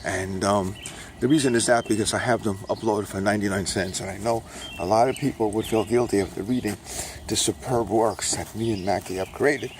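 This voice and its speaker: Older man from Brooklyn, self-mocking salesman patter, fry-heavy voice, casual outdoor vlog. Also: on the low side, steady tone, a little fast, darkish tone, a little hiss or hum. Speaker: self-published author promoting his books. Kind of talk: casual rambling vlog while walking a dog. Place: outdoors on a morning walk.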